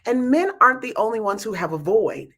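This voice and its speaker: Bright-voiced woman speaking with a retainer in. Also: fairly high pitch, lively intonation, a little fast. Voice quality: slightly slurred speech from wearing a retainer. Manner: emphatic, candid, conversational. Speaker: youth peer group leader and speaker. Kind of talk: informal talk to an audience about a program.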